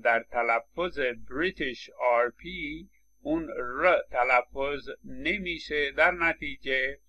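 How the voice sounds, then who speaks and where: A man's voice: mid-range voice, bright, forceful tone, muffled recording. A man lecturing on English phonetics, explaining step by step with frequent hesitation fillers. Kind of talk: university lecture.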